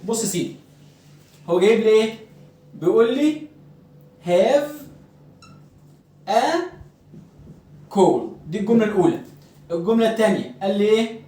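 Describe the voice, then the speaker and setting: An Egyptian man teaching an English lesson in Arabic. He asks and answers his own questions and reads the English words out slowly. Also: high-pitched, a little mellow, echoey room.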